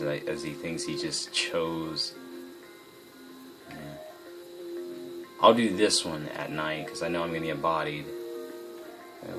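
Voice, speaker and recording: A man hosting a gaming video, casually commenting on gameplay and thinking aloud in a rambling, self-correcting way. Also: low-pitched. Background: game music.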